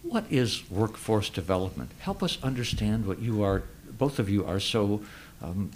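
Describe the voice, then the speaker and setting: A man's voice: lowish voice, animated, normal speed, a little mellow, slight background noise. A man hosting a broadcast interview, asking his guests questions in a formal, courteous way. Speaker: radio interview host.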